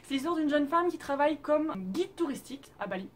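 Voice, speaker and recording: A young woman with a high, bright-sounding voice talks through her picks in a relaxed, chatty vlog manner, dropping playful asides and fillers as she goes. A faint hiss of noise sits under the recording. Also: a little fast. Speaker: YouTube host reviewing Korean dramas. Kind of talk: casual vlog recommendations.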